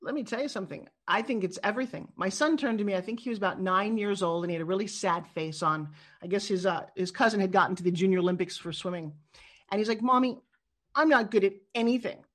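A middle-aged woman from New York, a guest in an interview, telling stories in a quick and expressive way. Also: medium pitch. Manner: animated storyteller, quick and expressive. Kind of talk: interview conversation.

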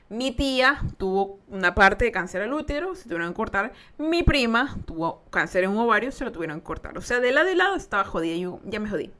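A woman's voice: on the high side, fairly bright tone. A young adult woman hosting a podcast, telling a personal story in a casual, emphatic and blunt way, swearing freely. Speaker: podcast host.

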